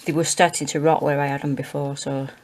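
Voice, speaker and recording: A British woman in her forties chatting casually and hesitantly as she gives a rambling home gardening tour, with a monotone, self-deprecating manner. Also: sits low, quick pace. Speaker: gardening vlogger. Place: small home kitchen and windowsill, indoors.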